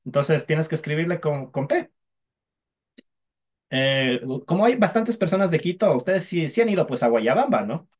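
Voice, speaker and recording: A man's voice: mid-range voice, slightly rough. Patient man teaching. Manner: patient, drills sounds for students to repeat. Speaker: Kichwa language teacher. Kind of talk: online language class.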